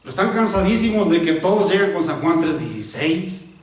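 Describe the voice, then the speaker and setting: A man's voice: high voice, lively intonation, a little fast. A male pastor preaching a sermon. He often asks the congregation rhetorical questions and repeats words for emphasis. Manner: stops to correct himself and repeats words for emphasis. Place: church. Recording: very echoey church hall, voice from a distance.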